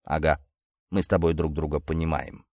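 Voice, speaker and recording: A man voicing a calm, stern older colonel who speaks dryly and unhurriedly. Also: very deep voice, no echo, pitched below the performer's own voice. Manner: dry, unhurried, authoritative.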